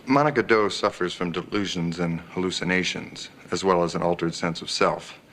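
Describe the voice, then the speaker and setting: An actor playing a self-assured psychiatrist giving formal, clinical testimony in a TV courtroom drama. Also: male voice, deep voice, normal speed, fairly bright tone, a little hiss or hum. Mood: clinical, certain. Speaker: psychiatrist expert witness. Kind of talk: television courtroom drama acting.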